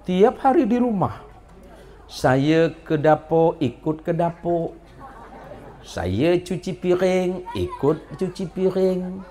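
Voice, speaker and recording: A man voicing a timid housewife who complains to a preacher about her husband, in a slow, hesitant, plaintive way. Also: fairly low pitch, big pitch swings, warm tone, a faint crowd, voice pushed up.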